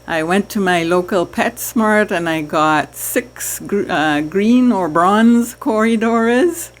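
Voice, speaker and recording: A woman from Trinidad chatting casually to her viewers about keeping fish, with soft laughs. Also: medium pitch. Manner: slow, chatty, laughs softly. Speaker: aquarium hobby vlogger. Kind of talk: casual chat to camera.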